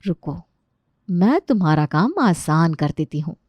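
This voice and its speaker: A woman's voice: low voice, lively intonation, a little slow, no room sound, muffled recording. A woman voicing a scheming young daughter-in-law in a cartoon story who speaks sweetly and laughs slyly. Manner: sly laughter, sugary politeness.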